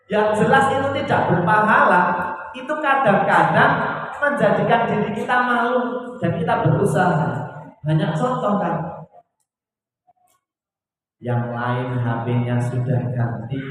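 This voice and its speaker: A man with a Javanese accent delivers a sermon in a rising-and-falling, sing-song cadence, his voice sitting a little high. He stands a distance from the mic, so his words ring through a large reverberant hall. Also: measured pace, long pauses, slight background noise. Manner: lively, sing-song preaching with sudden loud and soft swings. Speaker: Islamic preacher. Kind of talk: sermon to a women's study group.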